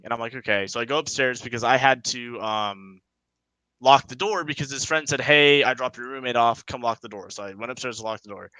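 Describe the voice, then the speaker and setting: Bright-voiced young man telling a story. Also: mid-range voice, clear, resonant tone, no echo, low-quality recording. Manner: animated, swearing, acts out quotes. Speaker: podcast co-host. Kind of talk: casual storytelling.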